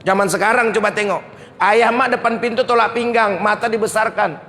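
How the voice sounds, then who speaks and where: A man gives a humorous sermon, and his voice sits high. He tells lively stories, acts out quotes and talks straight to the crowd. A long reverb from the hall trails each phrase. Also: a little fast, a little hiss or hum. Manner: lively storytelling with acted-out quotes and crowd address. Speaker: preacher. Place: mosque hall, live event.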